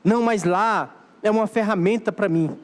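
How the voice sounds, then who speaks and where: A man's voice: sits high, normal speed. A Brazilian Portuguese-speaking man preaching a sermon as pastor, exhorting his church in a repeating, emphatic cadence. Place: church sanctuary. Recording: long hall reverb of a church.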